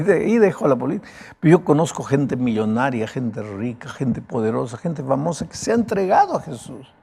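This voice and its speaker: This sermon comes from a male pastor whose voice is raspy and broken, his delivery emphatic and chatty. He sits in the mid-range and sounds a little mellow.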